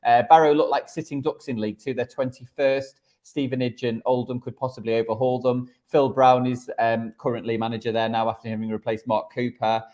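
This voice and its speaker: Man, medium pitch, football betting podcast host, conversational analysis, hesitant repeated words. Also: level tone, fairly quick, few pauses, darkish tone. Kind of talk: conversational sports tipping and analysis.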